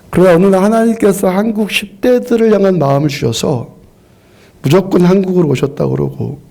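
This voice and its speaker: A man's voice: on the high side, gravelly, dark tone, husky. A middle-aged male pastor preaching a sermon in a church, telling a story earnestly and often repeating and restarting his phrases. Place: church sanctuary.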